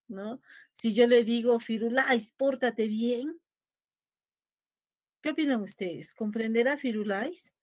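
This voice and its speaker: A woman's voice: fairly high pitch, no room sound, clean studio sound. A woman teaching a linguistics class, asking her students questions and tagging nearly every phrase with a questioning "¿no?". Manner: asks the class questions and acts out lines to her pet dog. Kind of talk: lecture to a class.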